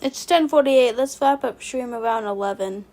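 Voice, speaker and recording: High-voiced teasing woman co-streamer. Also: normal speed, mellow. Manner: teasing, laughs often. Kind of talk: casual stream chat.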